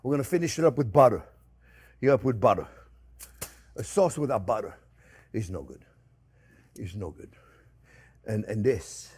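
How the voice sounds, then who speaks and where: This older cooking-show host has a somewhat low, slightly rough voice, speaking animatedly at normal speed with long pauses. Talking to his viewers warmly as friends in a casual way, he tends to repeat short phrases as he demonstrates.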